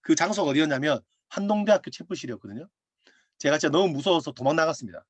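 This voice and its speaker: At an online prayer meeting over video call, a male pastor preaches a sermon as a personal testimony, laughing and acting out what people said. His voice is a little high and fast, with no room sound.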